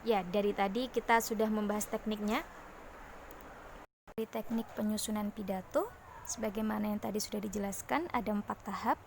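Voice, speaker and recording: A woman's voice: medium pitch, steady tone, a little fast, gravelly, background noise. A woman teacher giving a lesson to her students, explaining step by step and closing each point with a short tag phrase. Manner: explains step by step, ends points with "seperti itu".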